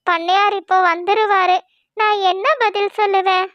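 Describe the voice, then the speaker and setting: A woman's voice: extremely high pitch, flat delivery, normal speed, dry recording, highs cut off. A woman voicing Laila, a hardworking, honest young female crow who builds houses in a cartoon story. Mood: distressed. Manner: earnest, pleading.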